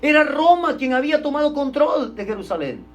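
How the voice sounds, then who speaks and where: A male pastor preaching a sermon, stressing points loudly and then dropping to a hush, and often calling his listeners brother. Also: very high-pitched, big pitch swings, fairly quick. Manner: emphatic preaching, swinging between loud stresses and hushed drops; keeps addressing listeners as brother.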